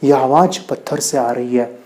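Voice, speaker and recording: A man's voice: mid-range voice, a little slow, warm tone, lightly acted. Man playing a sculptor, patient, coaxing, puzzled, plain voice. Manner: coaxing, explaining.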